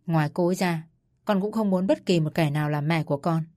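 A woman's voice: on the low side, quick pace, mellow, dry recording, clean studio sound, lightly acted. A woman voicing a young husband who stands firmly by his wife. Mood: firm resolve.

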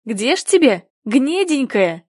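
A woman's voice: high voice, very animated, slow pace, a little mellow, slightly rough, no echo, studio quality, heavily acted. A woman reading the lines of a cheeky know-it-all boy in a storybook, teasing and mocking.

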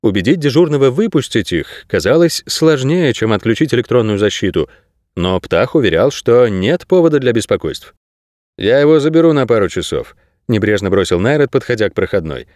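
Expressive male audiobook narrator. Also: lowish voice, fairly quick, no echo, studio quality. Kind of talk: scripted narration.

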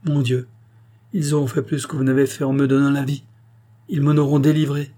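A man reading the part of a grieving queen who speaks in a sorrowful, pleading way, with a husky, mellow voice. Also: medium pitch, little pitch movement, brisk, pitched above the performer's own voice, natural voice. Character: grieving, fearful queen, proud yet despairing.

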